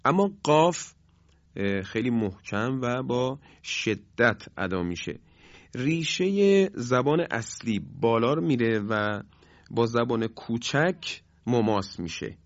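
A man of middle pitch gives a careful pronunciation lesson. He explains slowly and steadily, then voices each example sound with force. The recording is dry and a little muffled. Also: expressive, no room sound. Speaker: teacher of Quranic pronunciation. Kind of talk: instructional explanation with demonstrations.

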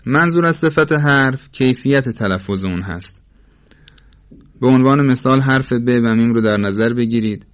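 A man teaching a lesson, explaining step by step in a patient, formal and methodical manner. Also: fairly low pitch. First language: Persian. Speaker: Quran recitation teacher. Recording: dull lo-fi recording.

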